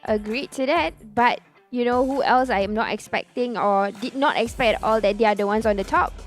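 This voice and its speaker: Woman, fairly high voice, esports desk analyst, hedging and agreeable, faint music bed. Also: fairly quick. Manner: agreeable, hedging, frequent fillers. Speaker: esports caster.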